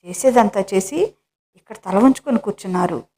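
Storybook wife, middle-aged, indignant and sharp, put on by a woman reader. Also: medium pitch, animated, fairly quick, lightly acted. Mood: scolding. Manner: sharp, raised scolding.

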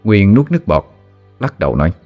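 A man narrating a ghost story in a calm, measured way. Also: on the low side, faint music behind.

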